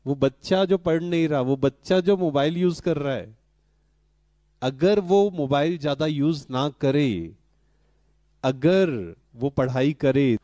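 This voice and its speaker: A middle-aged man gives a spiritual talk to a live audience. He speaks slowly and calmly in a mellow tone, keeps asking the room to answer, and mixes in English words. The sound is dry and close. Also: on the high side, no echo. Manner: slow, calm and questioning, asks the audience to answer.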